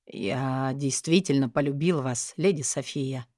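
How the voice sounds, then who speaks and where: A lovesick, timid young lord with a lowered, soft, hesitant voice, played by a woman narrator. Recorded close and dry for a storybook. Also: unhurried, no room sound. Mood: pleading.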